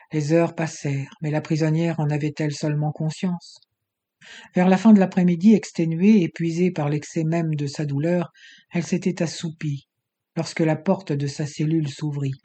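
A man reading an adventure novel aloud with steady, expressive pacing. His voice sits fairly high for a man, with a mellow, dark tone and a slightly husky texture. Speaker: audiobook narrator. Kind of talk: scripted narration of an adventure novel.

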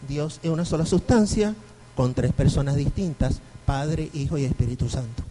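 Animated Venezuelan priest lecturing. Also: male voice, fairly high pitch, moderate pace, a little hiss or hum, rough recording. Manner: animated storyteller, acts out quoted voices. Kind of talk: lecture to a parish group.

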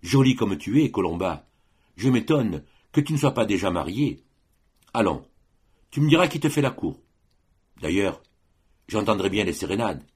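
Reader doing a patient elder brother, easy and low-voiced, slight rasp. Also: male voice, normal speed, long pauses, full character voice. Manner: calm, mildly teasing. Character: young man, officer, patient elder brother.

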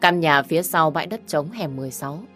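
A woman's voice: deep voice, fast talker, a bit bright, faint music behind. A woman doing a curt, menacing male kidnapper. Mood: threatening. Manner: blunt, threatening.

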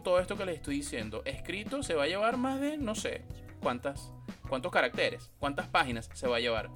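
A man's voice: high voice, fairly bright tone. A man with a Venezuelan accent giving podcasting tips in a blunt, emphatic, casual monologue, swearing freely.

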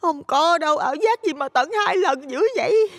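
A woman's voice: mid-range voice, sing-song, moderate pace, a bit bright, big-room sound. An actress playing a frightened, stammering unmarried woman near fifty. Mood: fretful. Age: about 50. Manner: panicky stammering. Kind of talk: audio drama acting.

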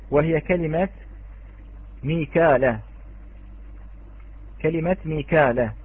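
A man's voice: a little high, breathy edge. A man teaching an online Quran recitation lesson, patiently quizzing students and chanting the example words. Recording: tinny phone-like online audio.

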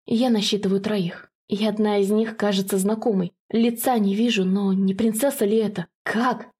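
Husky woman narrating a fantasy audiobook. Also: mid-range voice, fairly even intonation, moderate pace, a little mellow.

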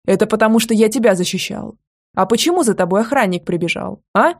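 Woman doing a brash, loud young guy, indignant, slightly gravelly storybook voice. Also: medium pitch, animated, fast talker. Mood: accusing. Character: brash loud young man, boutique owner.

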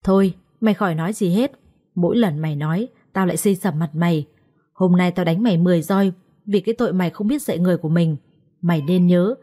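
A woman's voice: fairly low pitch, mellow, lightly acted. A woman storyteller voicing a stern, domineering old mother-in-law who gives harsh, scolding commands.

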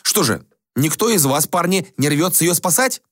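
A man's voice: a little high, animated, moderate pace, a bit bright, no echo, pitched above the performer's own voice. A bewildered everyday man, as a narrator puts him on in a storybook reading, blunt and agitated. The voice is only slightly raised above the narration, plain and dry. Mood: irritated. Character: ordinary man in a suit, confused and irritable.

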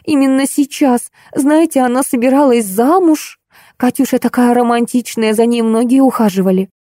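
A woman's voice: a little high, normal speed, dark tone, no room sound, clean studio sound, voice pushed up, close to an everyday voice. Woman voicing a plaintive plump office girl. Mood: tearful. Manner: plaintive, grumbling, easily weepy. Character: plump tearful young woman office clerk. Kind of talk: audiobook character voicing.

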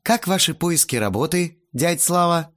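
A man's voice: high-pitched, huge pitch swings, moderate pace, pitched above the performer's own voice, full character voice. A man voicing an insolent teenage boy who talks with sugary sarcasm, in an audiobook. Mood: mocking. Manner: sarcastic, mockingly sweet.

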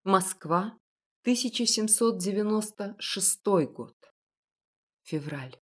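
A woman narrating an audiobook in a calm, even storytelling manner. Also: medium pitch, slow, husky.

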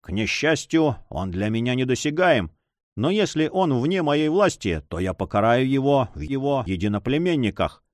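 A man's voice: mid-range voice, very animated, normal speed, no room sound, clean studio sound, natural voice. A man voicing a furious young captain sworn to revenge. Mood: vengeful fury. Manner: vehement, impassioned outbursts. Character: young male captain, proud and vengeful.

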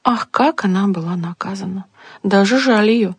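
A woman reading a fairy tale aloud as a storyteller, in an expressive storybook manner. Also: medium pitch, moderate pace, breathy edge, no echo.

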